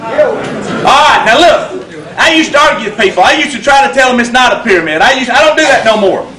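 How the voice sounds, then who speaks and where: A man's voice: extremely high pitch, very animated, brisk. A man giving a funny, folksy motivational talk on stage to a live audience. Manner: folksy, drawling storyteller with punchlines. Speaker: motivational speaker. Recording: roomy hall, distant mic, loud noise.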